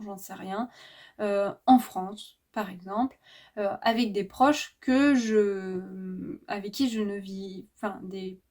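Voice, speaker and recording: A woman's voice: mid-range voice, darkish tone. Hesitant, reflective woman vlogger. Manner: thoughtful, hesitant, many fillers and restarts. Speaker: spirituality vlogger. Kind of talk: casual reflective monologue.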